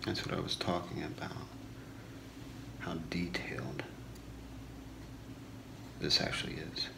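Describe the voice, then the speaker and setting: A man in his thirties doing a whispered role-play as a shopping channel host, soft-spoken, with a slow, deliberate product pitch in a small room. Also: fairly even intonation. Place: small home room, indoors. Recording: echoey room with clear background noise.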